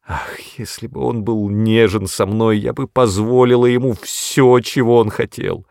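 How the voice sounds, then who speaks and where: A distraught young woman, shrill and tearful, her voice breaking into cries, as a low-voiced male narrator puts her on. It is a storybook reading, close and dry. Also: steady tone, unhurried, creaky, a little mellow, no echo. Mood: anguished.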